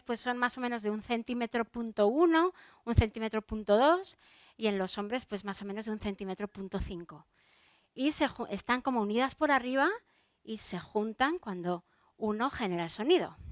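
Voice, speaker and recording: A woman's voice: on the high side, dry recording, studio quality. A woman from Spain with a Spanish accent, a soprano giving a chatty public talk and speaking straight to her audience, with many fillers and restarts.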